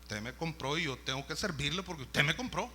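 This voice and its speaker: A preacher voicing a humble male servant who refuses to leave his master, speaking low and subdued. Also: lively intonation, a little fast, pushed and bright, a little hiss or hum. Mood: stubborn.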